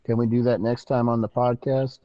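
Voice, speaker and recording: A man co-hosting a podcast, chatting casually in a laid-back, halting way with many fillers. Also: medium pitch, level tone, dark tone, lo-fi sound. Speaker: podcast co-host. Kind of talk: casual chat.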